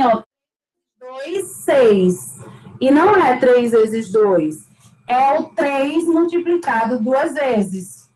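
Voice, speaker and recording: A woman's voice: sits high, darkish tone, echoey room, low-quality recording. A woman teaching a math lesson to students, patiently repeating each key point and stressing it. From Brazil.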